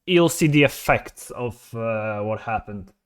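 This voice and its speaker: A man with a smooth, resonant voice runs a tabletop game over voice chat. He speaks in character with some hesitant fillers. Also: mid-range voice, animated, slow, a bit bright. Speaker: game master. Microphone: headset or desk mic over voice chat.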